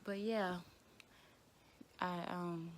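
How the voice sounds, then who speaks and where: A young woman talking in a halting, quiet way, tearful and grieving, often repeating herself. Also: on the low side, fairly even intonation, slight background noise. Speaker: vlogger. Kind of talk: emotional personal vlog.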